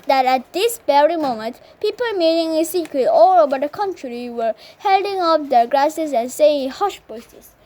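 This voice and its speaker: A woman reading an English children's book aloud, careful and halting with frequent restarts. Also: high-pitched, darkish tone, slight background noise. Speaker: channel host reading aloud.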